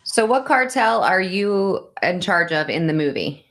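A woman's voice: mid-range voice, animated, measured pace, a bit bright. A woman interviewing an actor in a casual, playful way, often laughing.

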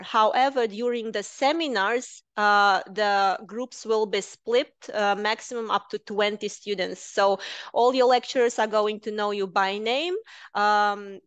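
A woman's voice: medium pitch, clear, resonant tone, no room sound. A woman in her thirties, a careers manager, presenting and moderating a webinar over a headset on a video call, explaining at length with many filler sounds. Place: indoors, virtual background.

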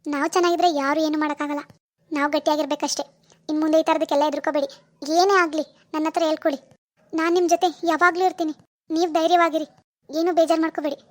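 A woman's voice: high-pitched, little pitch movement, fast, no echo, studio quality, close to an everyday voice. A woman voicing a fierce, loyal young wife in a cartoon, scolding and firm. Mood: reassuring. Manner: scolding, then firm and reassuring. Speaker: narrator who greets viewers. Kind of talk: cartoon voice acting.

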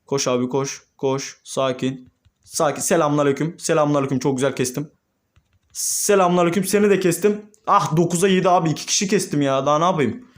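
A young man, a gaming YouTuber, commentating his own gameplay and swinging between calm murmurs and excited shouts. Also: on the high side, fairly quick.

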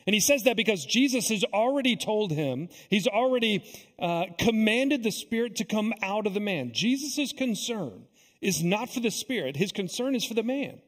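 A pastor preaching a sermon in a church, earnest and deliberate, pausing often and repeating his phrases for weight. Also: high-pitched, lively intonation. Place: church sanctuary. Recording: long echo of a church sanctuary.

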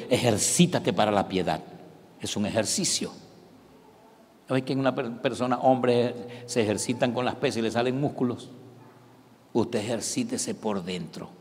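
Venezuelan preacher with big hall echo. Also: male voice, lowish voice. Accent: Venezuelan Spanish. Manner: dramatic, swinging from shouts to whispers. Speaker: pastor. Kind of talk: live sermon. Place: large church hall. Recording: long reverb of a large church hall.

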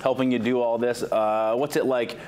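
A man's voice: mid-range voice, little pitch movement, normal speed, darkish tone. A man in his thirties anchoring a local news broadcast, asking a guest questions in a conversational way with frequent "uh"s, on a lapel mic in a studio. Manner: conversational, filler-heavy questions. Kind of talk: live TV studio interview.

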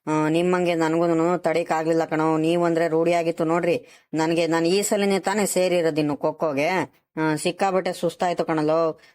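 A woman's voice: deep voice, level tone, normal speed, darkish tone, close to an everyday voice. A woman voicing an apologetic young schoolboy in a cartoon, explaining himself in a rural Karnataka Kannada accent. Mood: pleading. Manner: explaining, pleading. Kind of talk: cartoon voice acting.

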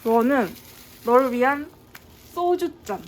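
A woman's voice: high voice, expressive, slow, slight background noise. A young woman chatting casually with a friend, teasing in a playful mock-formal polite tone. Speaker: friend giving gifts. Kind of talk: casual chat.

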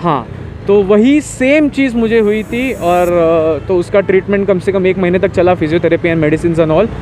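A young man, chatting in a rambling, easygoing way while riding a motorbike on a highway and mixing in English words. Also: a little slow, a little mellow, slight background noise. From India. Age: young adult. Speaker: motovlogger. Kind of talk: casual chat while riding.

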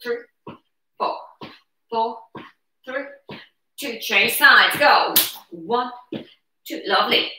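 A bright, forceful woman with a fairly high pitch counts workout reps extremely slowly, pausing often, as she leads a live chair-aerobics class with energetic encouragement. Recorded by a camera a few metres away in a brick-walled home living room, the audio is very echoey with slight background noise.

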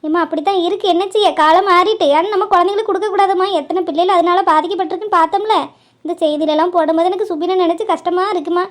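A woman's voice: extremely high pitch, fairly even intonation, rapid-fire. A woman voicing an earnest, protective young mother who lectures her elders.

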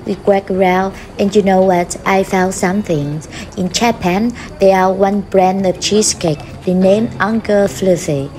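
Over background music, a Vietnamese-accented woman food vlogger does a voice-over review in English, her second language. She speaks slowly and warmly in simple phrasing, at medium pitch, with some background noise.

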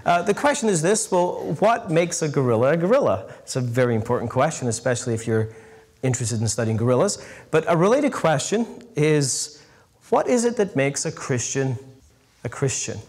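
A middle-aged priest with a slightly high voice delivers a sermon to a live audience. He tells stories with lively emphasis and slows down to land his key points.

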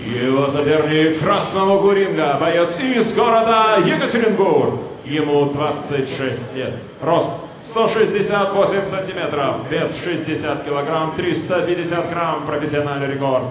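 High-pitched male boxing ring announcer, echoing. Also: normal speed. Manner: booming, theatrical, stretches fighters' names. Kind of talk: boxing ring announcing, names drawn out and shouted. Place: indoor boxing venue, at the ring. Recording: echoey PA in a noisy crowded hall.

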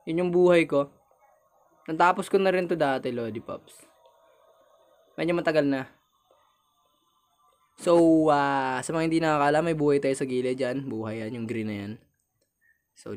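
A man's voice: mid-range voice, fairly even intonation, normal speed, long pauses. A young man with a Filipino accent giving casual commentary while playing a horror game, chatting with viewers and yelping when startled.

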